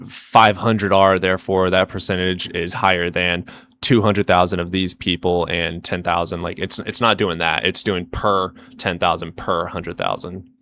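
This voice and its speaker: A low-pitched man argues in a casual debate, hesitating often and leaning on fillers while he reads out figures. A faint hum sits behind his voice. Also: level tone, moderate pace, fairly bright tone. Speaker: caller in a debate.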